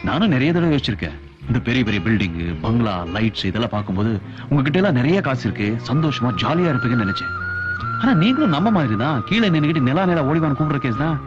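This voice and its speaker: A young actor playing a film hero, talking in teasing, easygoing banter in a comedy scene. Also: male voice, mid-range voice, sing-song, fast, lo-fi sound, music in the background, lightly acted.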